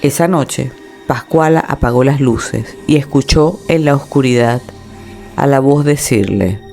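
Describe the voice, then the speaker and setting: A man reading a scripted horror story in a dramatic, measured storytelling manner. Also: medium pitch, creaky, darkish tone, faint music behind.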